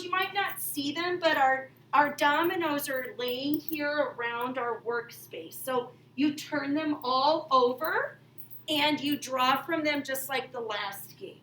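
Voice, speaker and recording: An elementary math teacher demonstrates a game, talking to children like a kids' show host with exaggerated exclamations as she explains step by step. Her voice is high, a bit bright, and measured in pace. The recording has an echoey room, a distant mic, and faint noise.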